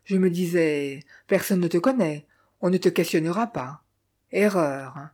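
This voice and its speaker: A reader voicing a weary middle-aged male drifter who calmly tells what he saw, in an audiobook. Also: mid-range voice, natural voice. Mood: wary. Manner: calm, measured storytelling in the first person. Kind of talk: audiobook reading of a character.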